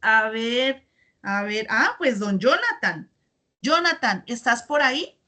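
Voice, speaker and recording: A woman teaches a class over a video call, her voice sitting a bit higher than most. She reads student comments aloud from the chat and keeps checking that everyone follows with quick tag questions. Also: expressive, sharp tone.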